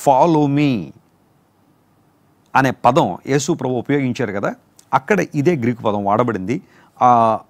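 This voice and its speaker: A man preaching a sermon, explaining terms slowly and repeating each word. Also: mid-range voice, no echo. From India. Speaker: pastor. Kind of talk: sermon teaching on word meanings.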